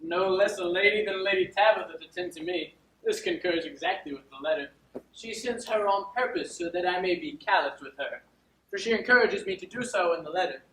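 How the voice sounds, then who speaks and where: An actor playing a pompous, self-important steward in a live stage play, haughty and indignant. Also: male voice, sits high, a little fast, fairly bright tone, slight background noise. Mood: smug. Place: theatre stage. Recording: echoey stage from far off.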